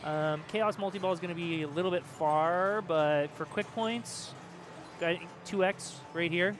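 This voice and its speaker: A man giving casual, chatty live commentary on a pinball tournament, self-deprecating and quick to laugh. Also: sits high, background noise. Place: pinball arcade bar.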